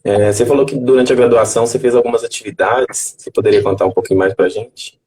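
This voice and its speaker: A man hosting an interview, asking brief, relaxed questions. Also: medium pitch, fast, slight background noise, low-quality recording. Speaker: host.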